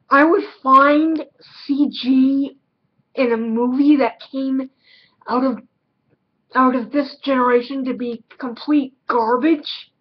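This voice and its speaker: A woman's voice: high-pitched, husky, lo-fi sound. A woman giving a casual film review, blunt and emphatic, repeating words for stress.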